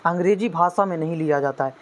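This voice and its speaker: Tutor coaxing with "है ना". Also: male voice, fairly high pitch, quick pace. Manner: constant "है ना" tag questions, coaxing students; motivational, urging hard study. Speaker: teacher. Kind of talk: exam-prep lesson.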